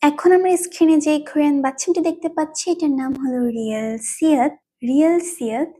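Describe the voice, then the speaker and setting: A woman's voice: high-pitched, quick pace, warm tone. A woman teaching a language lesson, patiently explaining rules and repeating each term several times. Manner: repetitive.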